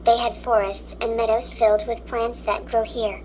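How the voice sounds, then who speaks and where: A woman's voice: on the high side, flat delivery, normal speed, darkish tone, poor audio. Robot-sounding tts lady reading kids stories, mechanical, faint hum behind. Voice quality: stiff, mechanical delivery. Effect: robotic text-to-speech voice. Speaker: story app narrator. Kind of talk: reading children's stories aloud.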